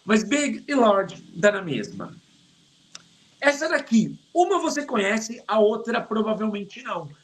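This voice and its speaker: Joking middle-aged Brazilian teacher. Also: male voice, high-pitched, rough recording. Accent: Brazilian Portuguese. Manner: lively, joking, drawls English words slowly for pronunciation. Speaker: English teacher. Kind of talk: online English lesson.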